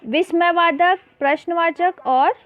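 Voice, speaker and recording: This teacher's voice is very high, and she keeps a measured pace as she patiently takes young children through a worksheet lesson. Speaking Hindi with English words mixed in, she often calls them beta, over a tinny, phone-like voice-over.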